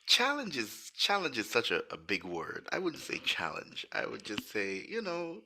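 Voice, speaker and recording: A man who is a guest on a casual podcast, talking in a relaxed, soft-spoken way and often laughing. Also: fairly low pitch, normal speed.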